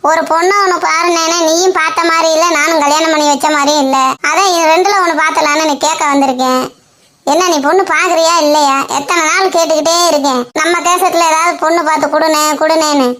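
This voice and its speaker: A woman's voice: high voice, fairly even intonation, fast, fairly bright tone, slight background noise. A woman voicing a worried mother of a grown son in a cartoon comedy, pleading and fretful.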